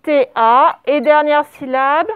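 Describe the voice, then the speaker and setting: High-voiced woman teacher, slow and patient. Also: steady tone. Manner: patient, spells words letter by letter, pauses often. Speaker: primary school teacher. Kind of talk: classroom dictation correction. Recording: dull lo-fi sound.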